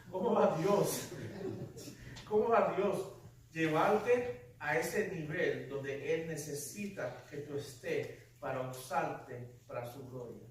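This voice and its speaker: A man's voice: on the high side, a little hiss or hum. A man preaching a sermon as pastor, emphatic and full of rhetorical questions. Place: church sanctuary. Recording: echoey church hall, distant mic.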